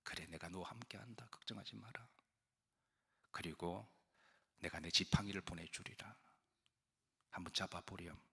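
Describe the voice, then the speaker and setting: A man preacher voicing God as a patient father who coaxes and scolds, in a quiet, half-whispered tone. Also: sits low, fairly even intonation, a little slow, long pauses, breathy edge, heavily acted. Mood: coaxing. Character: divine father, coaxing then scolding. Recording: long church hall reverb.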